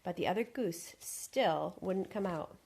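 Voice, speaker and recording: Husky woman reading a picture book. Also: on the low side, a little slow. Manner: expressive, animated storytelling. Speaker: storyteller.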